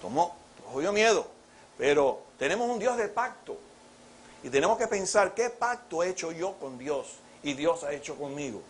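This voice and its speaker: A man's voice: a little high, very animated, moderate pace, a little hiss or hum. A man preaching a sermon with rhetorical questions, acting out biblical dialogue as he goes.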